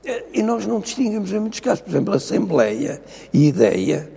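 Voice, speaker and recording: A man's voice: high voice, sing-song, brisk, vocal fry, dark tone, big-room sound. An older man with a European Portuguese accent, a professor explaining spelling rules in a TV interview, lecturing and insistent. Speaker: linguistics professor, guest. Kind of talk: TV studio interview.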